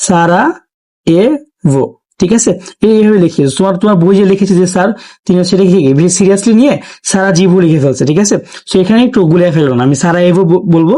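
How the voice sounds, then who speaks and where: Young male tutor, high-ish voice and brisk pace, talks straight to students, solves questions step by step, drops in English words. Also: warm tone. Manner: explains step by step, addresses students directly. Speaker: teacher. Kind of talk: exam question solving lesson.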